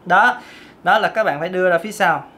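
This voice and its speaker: A woman's voice: lowish voice, a little fast, bright, forceful tone. A woman, a vocal coach giving a casual singing lesson and breaking off to demonstrate vocal sounds.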